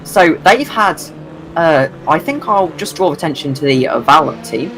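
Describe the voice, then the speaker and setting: A man's voice: fairly high pitch, expressive, measured pace, fairly bright tone, soft background music, rough recording. Groggy guy doing sim race commentary, voice jumps around a lot, rambly. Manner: tired, rambling, self-deprecating. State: sleep-deprived.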